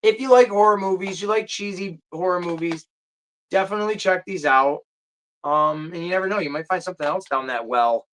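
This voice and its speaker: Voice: mid-range voice, fairly quick, a bit bright. A livestream host in casual chat, rambling, searching aloud for titles and answering viewer comments. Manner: chatty, drifts off topic.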